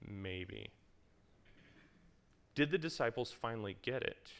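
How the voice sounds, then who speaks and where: Lively man teaching a Bible study. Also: lowish voice, slow, gravelly. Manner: conversational, quizzes his listeners; reads scripture aloud with emphasis. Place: in front of a live group.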